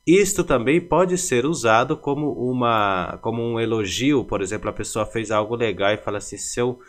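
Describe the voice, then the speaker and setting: A man giving a casual video language lesson, explaining slowly with frequent fillers and tag questions. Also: mid-range voice. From Paraguay. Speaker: language teacher.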